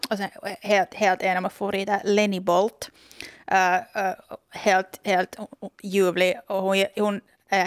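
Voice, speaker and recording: A woman's voice: mid-range voice, creaky, no room sound, clean studio sound. A woman with a Finland Swedish accent, gushing enthusiastically as a podcast host in casual chat, with many restarts.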